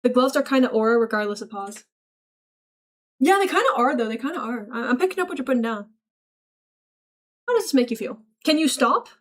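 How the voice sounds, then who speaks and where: Young woman streamer, high voice, reads chat out loud and riffs on it all deadpan and silly. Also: brisk, long pauses. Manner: playful, reads chat aloud and answers it with mock-serious bits. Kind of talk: casual livestream chat.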